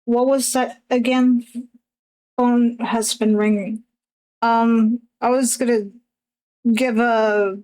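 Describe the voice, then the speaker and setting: A woman streamer chatting casually while she draws, hesitant and self-conscious, with many pauses and fillers. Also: a little high, a little mellow, poor audio. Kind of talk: casual chat while drawing.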